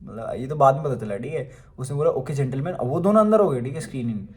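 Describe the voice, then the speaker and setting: A man's voice: mid-range voice, sing-song, quick pace. Young Indian man, conversational storyteller, loose and chatty, filler-heavy delivery. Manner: chatty, many fillers and asides. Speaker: vlogger. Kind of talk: casual storytelling.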